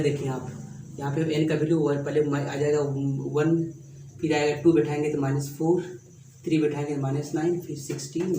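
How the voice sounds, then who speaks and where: A man's voice: on the high side, warm tone. A man teaching a maths exam-prep lesson, explaining step by step and asking the class rhetorical questions. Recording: echoey room, mic at a distance, faint room noise.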